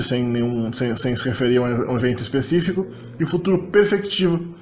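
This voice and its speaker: A man talks through lecture slides at an even, methodical pace. His voice sits a little higher than most men's. He explains each point patiently, like a teacher working through a table. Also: slight background noise. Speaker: linguistics lecturer.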